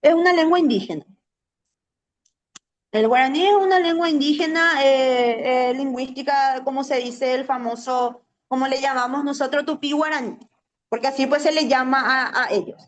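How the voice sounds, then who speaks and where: Her voice is high and fairly even, delivered at normal speed in a Paraguayan Spanish accent. She's a Guaraní teacher from Paraguay guesting on the radio, answering questions in an explanatory way and frequently adding "¿verdad?".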